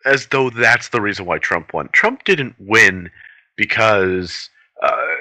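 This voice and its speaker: A man's voice: fairly low pitch, lively intonation, slow pace, sharp tone, no echo, low-quality recording. A man co-hosting a podcast, talking politics in an earnest, rambling way with many restarts. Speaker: podcast co-host. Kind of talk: casual political chat.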